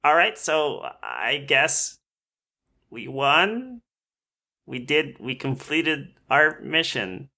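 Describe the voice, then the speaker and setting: A man's voice: a little high, big pitch swings, extremely slow, creaky, bright, forceful tone. A man chatting casually as a player in an improvised tabletop roleplay.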